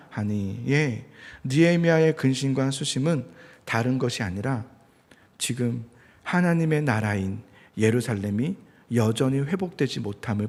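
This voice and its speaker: Husky guy pastor preaching, pitch jumps all over, echoey church hall. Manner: conversational, acts out angry prayers with sudden shouts. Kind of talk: sermon.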